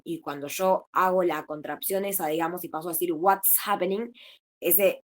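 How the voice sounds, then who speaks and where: A young woman from Argentina with a Rioplatense Spanish accent, casually explaining phonetics to a study group, mixing English terms in and correcting herself as she goes. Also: low-pitched.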